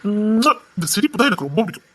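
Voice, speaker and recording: A young man playing a husky, devoted lover. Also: high-pitched, big pitch swings, rapid-fire, fairly bright tone, full character voice. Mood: affectionate. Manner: pleading, affectionate coaxing. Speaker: actor. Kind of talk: web series drama acting.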